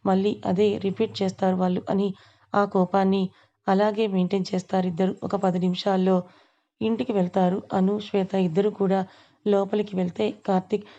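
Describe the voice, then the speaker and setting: A woman narrates a serialized story at a steady, even pace, reading every character's lines in her own voice. Her tone stays flat and mellow. The recording is slightly dull and lo-fi. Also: mid-range voice, fairly quick.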